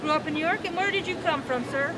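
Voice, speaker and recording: Brief: very high-pitched southern-born woman ranger, friendly talk to a crowd, boat and waves behind. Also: fast. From southern United States. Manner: friendly, asks the crowd questions. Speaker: park ranger. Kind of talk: guided public talk. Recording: clear boat engine and wave noise.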